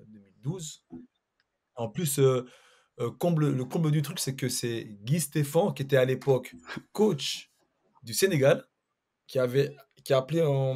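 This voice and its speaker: Storytelling man, mid pitch. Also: warm tone. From Paris, France. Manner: storytelling, hesitant with fillers. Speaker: former footballer, panel guest. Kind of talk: casual chat.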